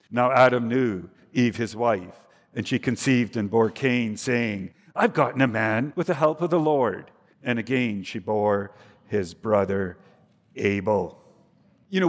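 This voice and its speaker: Expressive preacher man in a reverberant hall. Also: a little high. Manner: expressive, swinging between soft and emphatic. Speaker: pastor. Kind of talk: sermon. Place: church.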